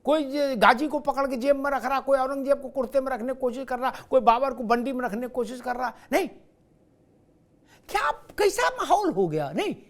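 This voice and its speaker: A man's voice: very high voice, steady tone, quick pace, hardly any pauses. A man anchoring a televised news debate, asking pointed, sarcastic questions of his panel. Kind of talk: TV debate moderating.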